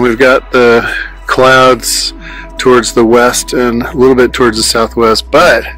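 An amateur radio hobbyist records a casual outdoor vlog on his handheld phone from an open hillside at dusk, loosely thinking aloud while describing the hobby. His medium-pitched voice has a fairly bright tone, and the recording is rough.

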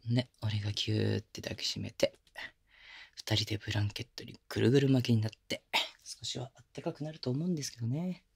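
In this Japanese girlfriend-experience audio drama, a male voice actor portrays a rough-spoken young boyfriend who fusses over and spoils his partner. Tender and teasing, he mixes coarse casual slang with soft whispers delivered close to a binaural microphone. His mid-range voice holds a steady tone at a fairly quick clip.

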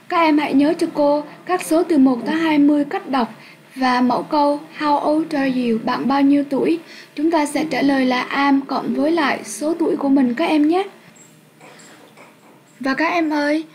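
A woman's voice: sits high, moderate pace, a little hiss or hum, rough recording. A young woman teaching an English lesson in two languages, patiently explaining to pupils and checking they follow. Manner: patient, addresses pupils warmly and checks understanding.

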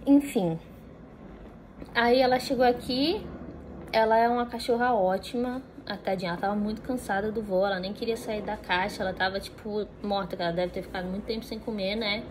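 A woman's voice: mid-range voice, brisk, noisy background. A young woman with a Brazilian Portuguese accent, chatting casually to the camera at home. She rambles, with many fillers and restarts. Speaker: vlogger.

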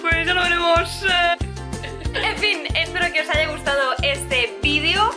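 A woman in her twenties with a Spanish accent from Spain, chatting excitably and casually as host of a challenge video. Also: very high-pitched, unhurried. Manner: excitable, giggly. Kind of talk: casual challenge vlog chat. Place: small room indoors. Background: music.

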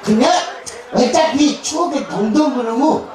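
A man with a Jeolla accent working as a pumba street performer and emcee, trading crude, teasing banter with the crowd on an outdoor festival stage, laughing through his lines and breaking into shouts. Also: extremely high pitch, normal speed, soft background music. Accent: Jeolla Korean. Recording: echoey loudspeaker sound, filmed from far off, crowd noise.

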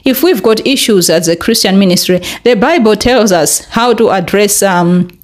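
A young woman from Malawi speaks earnestly into a desk mic in a small bright room. She talks in casual commentary, fills pauses with "uh" and "um", and climbs higher when she stresses a point. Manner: earnest, many fillers, rises in pitch when pressing a point. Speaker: vlogger. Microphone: desk podcast mic in front.

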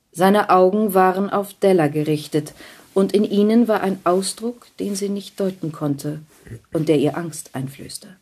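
Husky low-voiced woman narrating a story. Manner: intimate, expressive storytelling with soft dropped endings. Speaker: actress reading a story. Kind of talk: audiobook narration.

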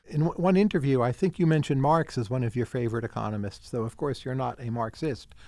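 A man hosting a podcast interview, asking brisk, direct questions. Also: medium pitch, darkish tone, no echo, studio quality. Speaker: podcast host.

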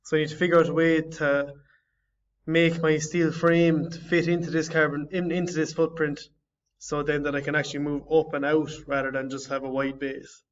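A young man walks through his design project in a halting way, stopping and restarting mid-phrase. His voice sits a little high. The audio is dull and lo-fi, and he sounds a bit far from the mic. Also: level tone. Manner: halting, searching for words, frequent restarts. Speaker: design student. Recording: slightly distant, dull lo-fi audio.

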